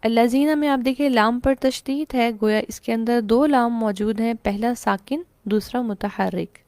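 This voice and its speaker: Higher-voiced Pakistani woman teaching tajweed. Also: a little mellow, dry recording. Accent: Pakistani Urdu. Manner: explains step by step, asks and answers her own questions, recites verses slowly. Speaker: Quran recitation teacher. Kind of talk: online tajweed lesson.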